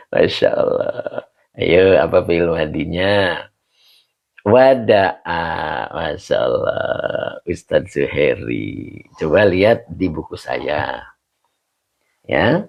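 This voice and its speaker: A man's voice: a bass voice, expressive, very slow, vocal fry, long pauses, dull audio. A man leading a casual online religious class, chatty, greeting students by name and laughing often, heard over a video call. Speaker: religious teacher.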